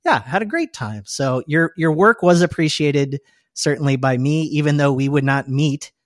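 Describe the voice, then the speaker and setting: A man's voice: fairly high pitch, moderate pace, dry recording, clean studio sound. A man hosting a casual podcast conversation, reminiscing in a chatty way and laughing often. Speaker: podcast host.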